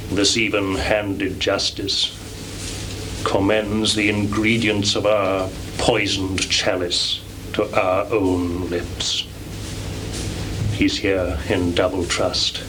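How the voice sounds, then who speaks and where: A male stage actor, lowish in voice, performs live in a theatre with background noise present. He portrays a tormented, guilt-ridden, ambitious murderer, giving a weighty, measured Shakespearean delivery marked by long pauses.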